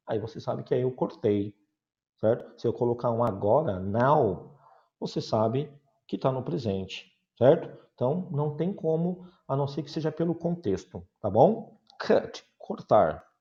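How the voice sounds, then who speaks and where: A man with a Brazilian Portuguese accent teaching an online English lesson, speaking slowly and deliberately and repeating words for pronunciation. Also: mid-range voice, dark tone, muffled recording.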